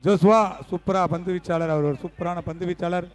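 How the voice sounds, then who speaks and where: A man with a high voice trades playful jabs during live cricket commentary. His talk is loose and teasing and mixes in English. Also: fairly even intonation, brisk.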